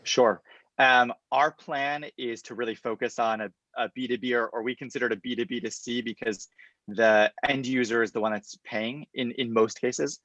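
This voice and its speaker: A man, answering questions in a confident startup pitch, explaining point by point on a video call. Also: steady tone, moderate pace, fairly bright tone, no echo, low-quality recording. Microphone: computer mic on a video call.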